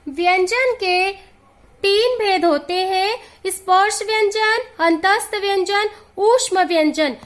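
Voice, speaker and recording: Slow, very high-pitched woman teacher. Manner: slow, deliberate explanation, drawing out each letter. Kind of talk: grammar lesson.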